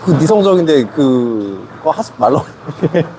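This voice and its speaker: A man's voice: fairly high pitch, very animated, normal speed, dark tone, a little hiss or hum. A man hosting a casual live stream in a table tennis hall, a coach who asks teasing questions.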